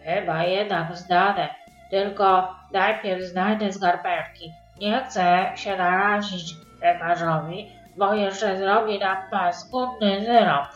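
A woman voicing a weary father with a cold, talking low and tired. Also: steady tone, takes it slowly, natural voice. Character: tired, sick father with a sore throat. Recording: roomy, dull sound with faint music.

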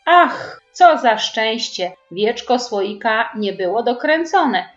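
A woman reading a children's story aloud to preschoolers in a gentle, expressive storybook manner. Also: a little high, slow pace. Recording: echoey, dull room with faint music.

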